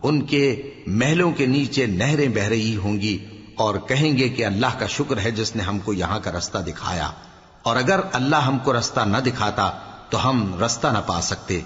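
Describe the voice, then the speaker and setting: A man reading a scripture translation aloud in a measured, solemn way, dropping low at the end of each verse. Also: lively intonation, a bit bright. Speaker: scripture reader. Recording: reverberant, dull lo-fi hall recording.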